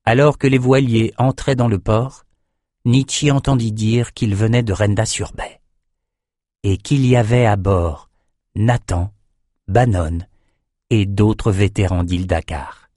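A man reading a fantasy novel aloud in steady scripted narration. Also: on the low side, slow, no echo, studio quality. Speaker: audiobook narrator.

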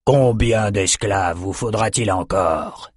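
A man voicing a ruthless, arrogant male slaver captain who speaks slowly with contempt in a storybook. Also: on the low side, husky, no room sound, studio quality. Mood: contemptuous.

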